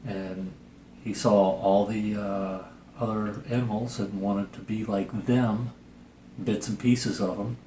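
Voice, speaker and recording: A man with a low, dark voice talks slowly and fairly evenly as he reads a children's picture book and chats casually about it in a review. The recording has a roomy echo and noticeable background hiss.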